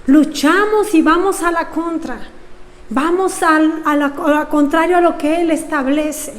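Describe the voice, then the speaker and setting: A woman's voice: high voice, a little slow, long reverb tail. A woman pastor, preaching a sermon earnestly and asking the congregation rhetorical questions. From Mexico.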